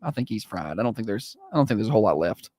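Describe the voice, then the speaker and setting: A man's voice: lowish voice, sing-song, very fast, a little mellow, dry recording, clean studio sound. A man hosting a morning radio show, switching between casual, blunt, joking banter and announcing. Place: dry radio studio.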